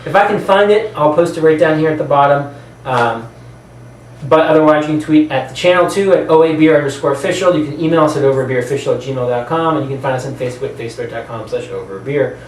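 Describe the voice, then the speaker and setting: With a fairly high pitch and quick pace, a man rambles informally as host of a films-and-games video channel, sometimes trailing off mid-thought. Faint noise, echo from the room and a distant mic mark the recording.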